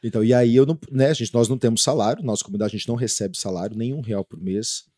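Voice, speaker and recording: A Brazilian man in his thirties, a lively storyteller chatting as a guest about his religious community life. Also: mid-range voice, quick pace. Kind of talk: casual storytelling interview.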